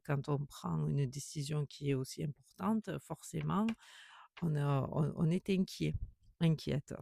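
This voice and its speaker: A man reads tarot cards for an unseen viewer, talking in a reassuring, repetitive way full of hesitations and restarts. His voice sits a little high for a man yet sounds dark and heavily gravelly. The recording is dry and close. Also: dry recording. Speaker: tarot reader. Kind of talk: tarot reading addressed to a viewer.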